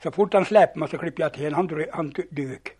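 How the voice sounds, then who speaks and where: An older man telling lively anecdotes from his youth, acting out the dialogue and often stumbling and restarting words. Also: a little high, husky. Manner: animated yarn-spinning, acting out dialogue, repeats and restarts words. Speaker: storyteller. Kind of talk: spoken reminiscence, telling old anecdotes.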